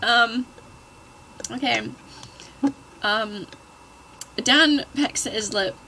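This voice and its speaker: A woman reads fanfiction aloud in an unhurried, bright voice. She keeps stopping to add wry, exasperated asides about what she has just read. She is recording at home. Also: on the high side, creaky, slight background noise, rough recording. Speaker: channel host. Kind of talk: reading fanfiction aloud with commentary.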